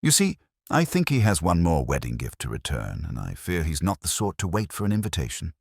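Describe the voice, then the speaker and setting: Prim, polite elderly spinster detective, voiced by a very deep-voiced male narrator; gentle storybook reading. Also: huge pitch swings, fairly quick, creaky, no echo, studio quality, full character voice. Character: shrewd genteel elderly spinster sleuth.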